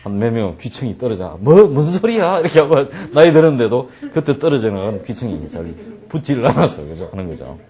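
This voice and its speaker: A man's voice: lowish voice, big pitch swings, brisk, few pauses, warm tone. A man teaching an English reading lesson, translating line by line and joking as he tells the story.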